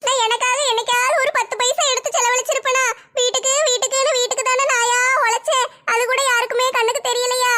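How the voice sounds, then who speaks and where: A woman's voice: very high voice, level tone, fast talker, sharp tone. A woman playing an aggrieved young wife who pleads and complains in a family drama skit. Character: hurt, stubborn young wife, a daughter-in-law.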